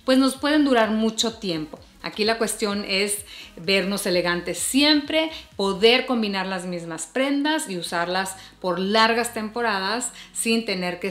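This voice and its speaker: Speaking to viewers she calls "hermosas," a woman in her 40s shares warm, chatty tips in a relaxed vlog. Her voice sits in the middle range, and she is a fashion and beauty creator filmed from the chest up while sitting in front of a bed. The recording carries a noticeable bedroom echo.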